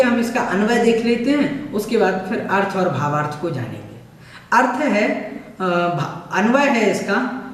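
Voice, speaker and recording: A man teaching a scripture lesson, explaining each word slowly and with deliberate care, sometimes chanting verses. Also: high voice. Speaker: religious teacher. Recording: echoey room, mic far off.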